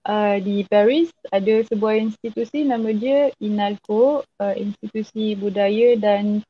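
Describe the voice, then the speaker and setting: A woman's voice: medium pitch, fairly even intonation, slight background noise. Young woman speaking learned Malay. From Madagascar. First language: not a native Malay speaker. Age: 20s. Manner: halting, searching for words in a learned language. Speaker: guest. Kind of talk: interview conversation. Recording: slightly dull online video call.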